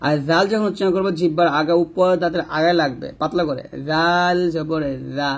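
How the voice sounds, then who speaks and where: A man teaching Quran reading, explaining tongue placement and then slowly drawing out each letter sound for the learner to copy. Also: fairly high pitch, husky. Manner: slow, drawn-out syllable demonstrations between brisk explanations; repeats letter sounds patiently, addressing the learner directly. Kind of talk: step-by-step pronunciation lesson.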